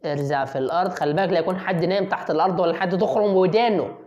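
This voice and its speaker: A woman with an Egyptian accent giving playful voice-over commentary on a video. She teases the people on screen like a mock sportscaster and sometimes breaks into excited yells. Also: fairly low pitch, racing, lo-fi sound, slight background noise. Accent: Egyptian Arabic.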